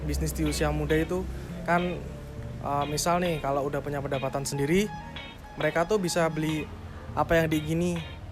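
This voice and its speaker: A man's voice: fairly high pitch, fairly even intonation, moderate pace, long pauses. A twenty-one-year-old man who studies and works, giving hesitant interview answers full of fillers. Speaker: student and worker interviewee. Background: background music.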